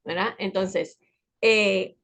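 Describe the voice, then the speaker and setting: A woman's voice: mid-range voice, very slow, fairly bright tone. A woman with a Puerto Rican accent, a guest sharing a personal story in a casual, conversational way with frequent tag questions. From Puerto Rico. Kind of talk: casual chat.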